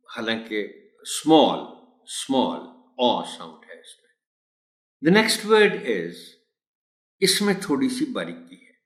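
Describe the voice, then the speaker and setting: A patient male teacher trainer talks his way through a pronunciation lesson at a slow, unhurried pace. His pitch rises and falls with lively emphasis as he repeats model words, and the room around him rings with echo. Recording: echoey room.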